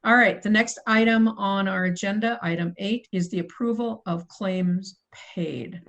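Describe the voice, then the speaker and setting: A middle-aged woman chairs a city committee meeting over a video call, reading through agenda items procedurally and correcting herself along the way, often apologetically. Her mid-range voice is slightly bright, with fairly even intonation and a measured pace. The highs in the audio are cut off.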